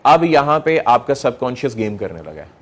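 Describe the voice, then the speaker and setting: A middle-aged man with a Pakistani accent gives a motivational lecture to young people in a mid-range, sing-song voice at a moderate pace. He is emphatic, repeating phrases, posing rhetorical questions, and mixing English phrases into his speech.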